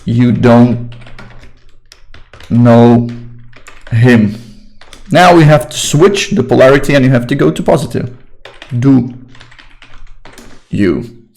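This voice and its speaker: A man's voice: medium pitch, a little slow, gravelly, long pauses, poor audio. Casual young man teaching grammar. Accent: Slovak. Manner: relaxed, informal and chatty, repeats phrases. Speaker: English teacher. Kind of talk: casual online grammar lesson.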